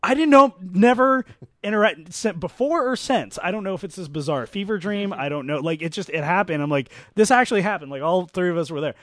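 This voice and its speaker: Animated man telling convention stories. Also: high voice, fairly quick, no room sound, studio quality. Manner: animated storyteller, self-deprecating, swears casually. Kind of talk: casual chat.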